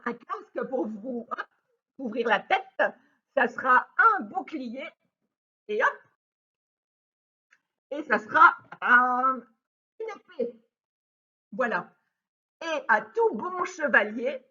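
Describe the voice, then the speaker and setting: A woman teaching young children about kind words, gently and with lively exclamations and many hesitations. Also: a little high, breathy edge. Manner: gentle, animated, frequent hesitation fillers. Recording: dull lo-fi sound.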